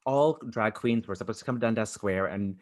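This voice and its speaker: A man's voice: lowish voice, brisk, background noise. A man hosting a podcast in casual chat, telling stories eagerly and chattily. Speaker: podcast host.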